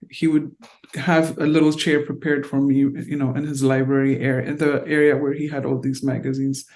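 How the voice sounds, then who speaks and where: A middle-aged woman speaks in an oral history interview. She was born in Ethiopia and raised in North Carolina, and she talks in a reflective, unhurried way. She pauses often and fills the gaps with small hesitations. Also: deep voice, a little mellow. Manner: reflective, halting with frequent fillers. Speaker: interviewee, diplomat.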